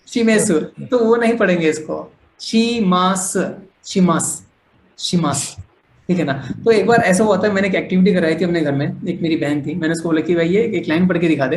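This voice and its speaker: A man's voice: sits high, reverberant, low-quality recording. A man teaching a language class online, explaining patiently, often checking that students follow, and mixing English phrases into his talk.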